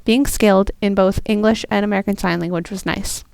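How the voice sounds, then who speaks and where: A young woman, a student interpreter, voicing a first-person story in an earnest, steady way. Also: mid-range voice, fairly quick, gravelly, dry recording. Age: young adult.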